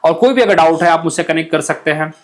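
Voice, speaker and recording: A young man with a somewhat high voice teaching exam vocabulary in a chatty, informal way. He keeps checking in with his students and acts out little everyday scenes to explain each word. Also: fast. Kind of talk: explanatory online lesson in Hindi with English words.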